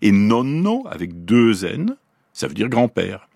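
A man from Paris giving a scripted radio explanation as a science columnist, in a clear teaching tone that slows down to pronounce examples. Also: on the low side, a little mellow, no echo, clean studio sound. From Paris, France.

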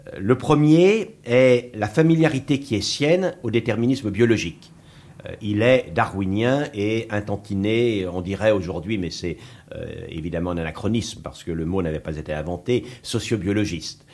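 A man's voice: lowish voice, darkish tone. Thoughtful, hesitant male radio guest. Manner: thoughtful, hesitant, many pauses. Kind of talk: radio discussion.

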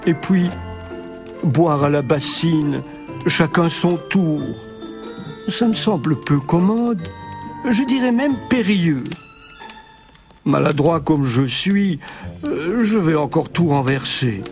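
A man's voice: on the high side, animated, slow pace, pauses often. A man narrating a Christmas story in the first person, wry and self-mocking. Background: music.

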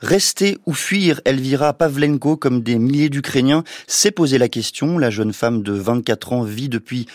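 A man anchoring a radio news programme, introducing a report with crisp broadcast delivery. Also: mid-range voice, expressive, normal speed, few pauses, dry recording, studio quality.

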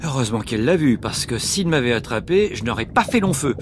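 Animated man narrating like a nature documentary. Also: mid-range voice, brisk, noisy background. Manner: animated, dramatized commentary. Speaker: podcast host and narrator. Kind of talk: nature documentary-style narrated adventure for children.

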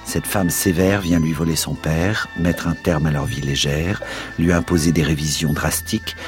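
A male radio host narrating a novel in a steady, expressive reading. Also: a bass voice, moderate pace, over music.

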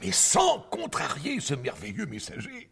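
A man's voice: fairly high pitch, huge pitch swings, a little slow, creaky, fairly bright tone, slightly rough, exaggerated voice. An actor playing a jovial, encouraging nobleman who laughs and pours wine, in a 1960s radio drama.

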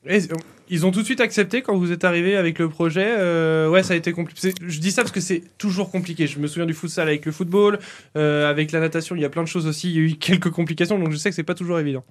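Male radio host, chatty and self-mocking, a bit high-voiced. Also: steady tone. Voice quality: chatty, self-deprecating, halting with fillers. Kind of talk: radio interview.

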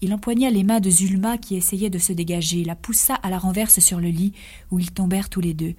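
A woman reading a story aloud for radio in an expressive voice that often drops to a whisper. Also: medium pitch, brisk. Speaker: reader.

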